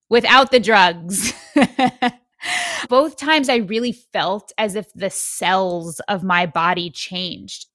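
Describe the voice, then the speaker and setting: A woman hosts a podcast in an articulate, enthusiastic voice that sits at a middle pitch. The sound is close and dry, with no room around her. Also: pushed and bright, dry recording. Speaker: podcast host. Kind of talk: scripted intro then interview questions.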